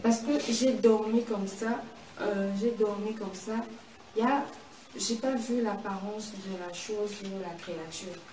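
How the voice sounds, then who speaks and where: A woman sharing a personal testimony in conversation, telling it in an animated way with frequent restarts and acted-out reactions. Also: medium pitch, measured pace. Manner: animated, repeats and restarts phrases, acts out her reactions. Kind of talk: conversational storytelling. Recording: roomy, distant mic, steady background noise.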